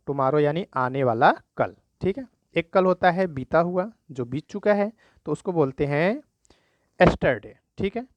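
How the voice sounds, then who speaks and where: A man teaching a children's spelling lesson, slowly spelling words letter by letter and often checking in with "thik hai". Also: fairly high pitch, dry recording, highs cut off.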